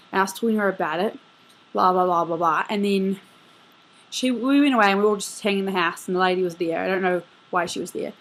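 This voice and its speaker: A woman's voice: mid-range voice, low-quality recording. Rambling young woman telling a dream. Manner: rambling, filler-heavy, lots of "like". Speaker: vlogger. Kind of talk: casual video message recounting a dream.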